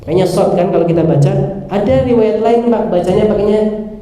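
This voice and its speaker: A man from Indonesia preaching a dawn study sermon, lively, breaking into chanted Quran recitation. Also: high voice, normal speed. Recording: echoey hall, reverberant.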